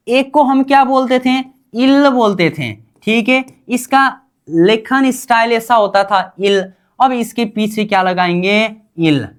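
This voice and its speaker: Woman language teacher, unhurried delivery, quizzes and answers herself, drills each word again and again. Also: a little high. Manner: asks questions and answers them herself, repeats each term. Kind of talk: slow call-and-response lesson.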